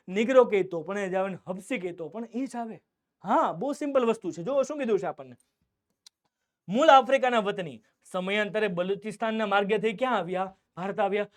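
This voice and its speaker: A man's voice: high-pitched, clean tone. A young man with a Gujarati accent teaching an online class, asking questions and answering them himself. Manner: asks questions and answers them himself, calls viewers beta.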